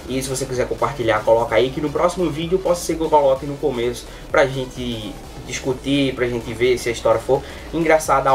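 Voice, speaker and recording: A young Brazilian man chatting casually to camera as a vlogger, rambling informally with lots of filler words. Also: mid-range voice. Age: young adult. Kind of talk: casual chat to camera, storytelling. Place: small bedroom, indoors. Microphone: webcam or computer mic at desk distance. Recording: distant webcam mic.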